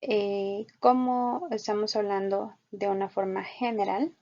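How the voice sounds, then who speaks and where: A woman teaching an online English lesson, explaining patiently and repeating example sentences slowly. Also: mid-range voice, fairly even intonation, darkish tone. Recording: dull lo-fi recording.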